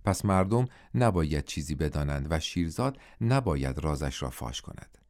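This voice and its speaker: A man narrating an audiobook novel in a measured, steady way. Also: extremely low pitch.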